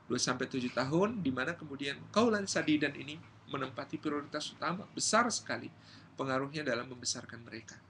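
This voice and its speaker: A male Islamic preacher giving a lively study lecture, acting out everyday quotes as he tells stories. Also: medium pitch, slight background noise. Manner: lively storytelling, acts out quotes. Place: community gathering hall.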